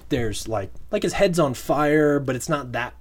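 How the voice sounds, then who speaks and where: A man co-hosting a podcast, chatting casually about movies in a relaxed, agreeable way with frequent fillers. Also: medium pitch, a little slow. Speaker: podcast co-host.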